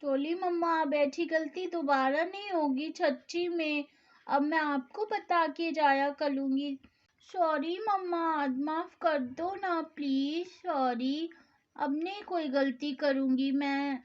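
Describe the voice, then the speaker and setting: Lisping little girl, pleading and whiny, high thin voice, dull lo-fi sound, as a woman voices her. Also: slow pace. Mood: apologetic. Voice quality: childlike lisp. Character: little girl Sona, timid, pleading, easily scolded. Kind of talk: storybook doll-play acting.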